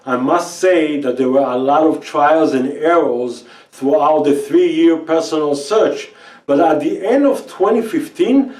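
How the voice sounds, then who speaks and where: Pitching a quit-smoking program, a middle-aged native Hebrew speaker with an Israeli accent gives an earnest personal testimonial about how he quit, in slightly non-native English. His voice is a little high and a little mellow, and the recording sounds roomy and distant.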